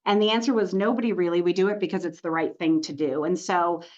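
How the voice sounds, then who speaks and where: A woman's voice: lowish voice, fairly even intonation, fast talker. Canadian woman guest on a dull-sounding line. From Montreal, Canada. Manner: warm storytelling, fillers like "you know". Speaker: corporate communications executive, guest. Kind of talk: podcast interview.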